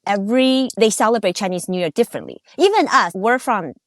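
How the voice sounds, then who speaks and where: Podcast co-host: a woman, mid pitched and chatty, recorded close and dry, who asks questions and goes off on tangents. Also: lively intonation, a little fast, no room sound. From Taiwan. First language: Mandarin. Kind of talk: casual chat.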